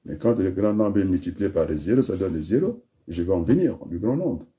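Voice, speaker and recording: A man's voice: sits low, lively intonation, a little fast, dark tone, lo-fi sound. A man from the Republic of the Congo giving a freewheeling spoken address, rambling from one aside to the next with frequent restarts. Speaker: speaker.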